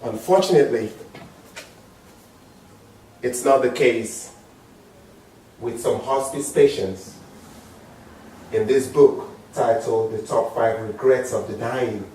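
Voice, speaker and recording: A man's voice: takes it slowly, long pauses, a little hiss or hum. A man in his forties with an African accent, giving a dramatic, emphatic motivational speech to an audience. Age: 40s. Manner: dramatic, emphatic, swings from low murmurs to loud high exclamations. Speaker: public speaker. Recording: very echoey hall, mic far off.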